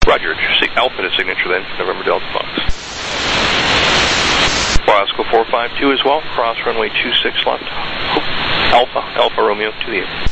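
A man's slightly low, gravelly voice comes through a two-way radio, thin and muffled under loud hiss. He works as an airport ground controller, rattling off clipped taxi instructions in a brisk, matter-of-fact way. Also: steady tone. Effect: heard over a two-way radio. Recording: hissy lo-fi radio transmission.

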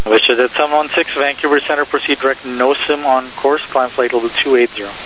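Male air traffic controller, brisk procedural delivery, thin phone-like radio sound with hiss. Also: medium pitch, fairly even intonation. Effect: radio transmission. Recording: tinny narrowband radio with hiss.

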